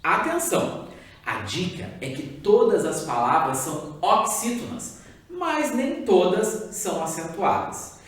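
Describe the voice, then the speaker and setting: A Brazilian man teaching a recorded lesson to young pupils, his pitch rising and falling in lively swings. He explains patiently and checks in often. His voice is heard from a distance in a strongly echoing room. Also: slow. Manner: patient, repetitive explaining with frequent check-ins. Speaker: primary school teacher. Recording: very echoey room, voice far from the mic.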